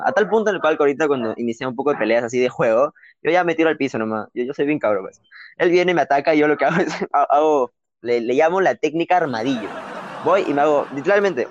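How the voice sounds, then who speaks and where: Fast-talking Peruvian young man, animated. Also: medium pitch. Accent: Peruvian Spanish. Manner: animated, laughing, slangy storyteller. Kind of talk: casual storytelling chat. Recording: dull, dry lo-fi recording.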